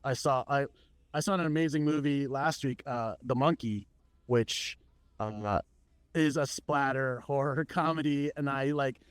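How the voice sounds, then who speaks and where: A man's voice: medium pitch, unhurried, smooth, dry recording. Enthusiastic male guest on radio. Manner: enthusiastic, emphatic, speeds up when retelling. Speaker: guest writer. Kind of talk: casual radio interview chat. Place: radio studio.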